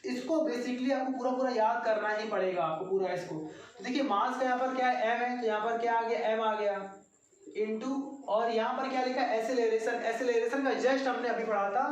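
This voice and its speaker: Male physics teacher, patient step-by-step lecturer, far from the mic in a booming classroom. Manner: repetitive, step-by-step explaining, addresses students directly. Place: classroom at a coaching centre. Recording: very echoey room, mic far off.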